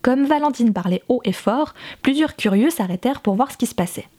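A woman reading a novel aloud in calm, measured scripted narration. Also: on the high side. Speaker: audiobook reader.

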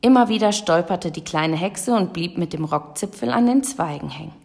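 A woman narrating a children's audiobook in a lively storytelling manner. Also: fairly low pitch, normal speed, creaky.

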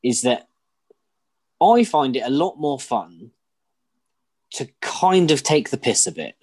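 Sweary teasing British man, lively pitch. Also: husky. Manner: teasing, sweary, quick to mock. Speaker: podcast co-host. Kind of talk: casual banter.

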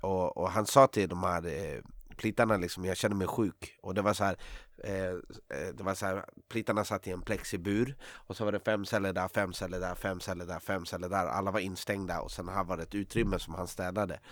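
A man's voice: sits low, fairly even intonation, a bit bright, no echo. A man talking as a guest, telling a long story in a rambling way with many fillers and restarts. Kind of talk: casual storytelling in a podcast conversation. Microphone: close studio mic.

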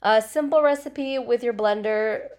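A woman's voice: on the high side, measured pace, darkish tone. A woman hosting her own podcast from home in a casual, rambling way, swearing freely and saying "like" a lot, her nose still stuffy and her voice just back after a cold. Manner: chatty, swears freely, leans heavily on "like". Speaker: podcast host. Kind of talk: casual solo podcast chat. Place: at home with her dogs nearby.

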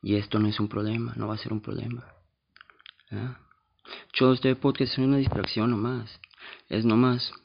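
Brief: podcast host, rough gravelly voice, blunt and confessional, slightly muffled sound. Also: male voice, medium pitch, flat delivery, normal speed, pauses often. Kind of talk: casual monologue.

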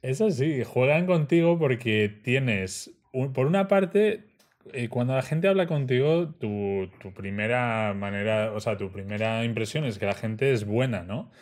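A man, a relaxed storyteller in a casual conversation who often adds tag questions. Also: mid-range voice, measured pace.

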